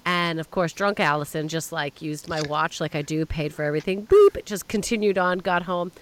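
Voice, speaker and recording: A woman's voice: lowish voice, fairly quick, a little hiss or hum. Emphatic Canadian woman, comic and chatty. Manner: comic, emphatic, repeats phrases for effect. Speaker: guest comedian. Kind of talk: casual chat.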